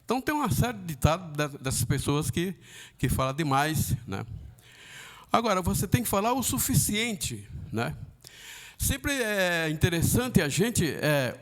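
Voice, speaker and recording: Halting Brazilian man teaching Sunday school. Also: a little high. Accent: Brazilian Portuguese. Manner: halting, frequent fillers and tag questions; acts out quoted voices. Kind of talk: church Bible lesson.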